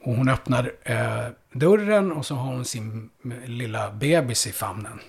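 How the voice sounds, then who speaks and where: A man who works as a police officer, recounting a hard call-out in a conversation, halting and full of fillers, dropping low and quiet at the heaviest parts. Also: creaky, slightly rough. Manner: halting, with many fillers and restarts.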